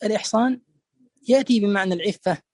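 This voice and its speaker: A man with a high voice lectures on a classical poem. He is deliberate and repeats key words to drive each meaning home. The sound is dry and close, with no room echo. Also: darkish tone. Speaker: teacher explaining a poem.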